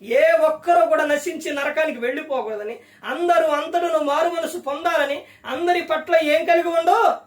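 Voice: high voice, moderate pace, roomy sound, recorded from a distance. A preacher giving a sermon, firing rhetorical questions at the listener.

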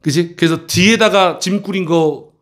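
A man teaching an English textbook passage to middle school students in a classroom, often checking in with quick questions. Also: high-pitched, fairly bright tone.

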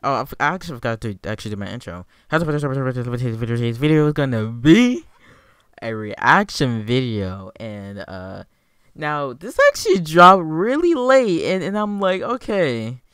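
A young man talking like a frat bro, slangy and hyped, giving excited casual reaction commentary. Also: medium pitch, normal speed, clear, resonant tone, no echo, clean studio sound. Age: young adult. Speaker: music reaction video maker.

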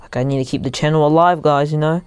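A young man giving casual gameplay commentary into headphones used as a mic, haltingly thinking aloud as he goes. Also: a little high, steady tone, clean tone. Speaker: gaming YouTuber.

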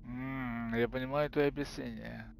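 A man's voice: mid-range voice, fairly even intonation, measured pace, gravelly, a little hiss or hum. A man gaming on a let's play, reading subtitles aloud between his own remarks. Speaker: gamer playing and translating on the go.

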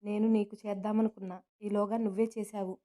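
A woman's voice: mid-range voice, level tone, fairly quick, mellow, lightly acted. A woman doing a menacing hot-tempered young man. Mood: angry. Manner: aggressive, threatening.

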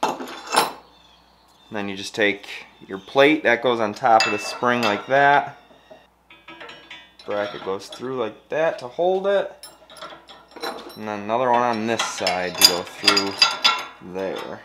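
A man in his thirties, a vlogger, gives a casual how-to on trailer assembly from his home garage, going step by step. He speaks slowly in a fairly low voice with long pauses, over noisy garage sound.

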